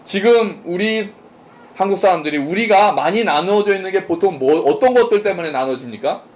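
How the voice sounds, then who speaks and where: A man's voice: sits high, expressive, brisk. A man pastor giving a conversational sermon at a church service, asking the congregation questions and joking with them. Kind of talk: interactive sermon.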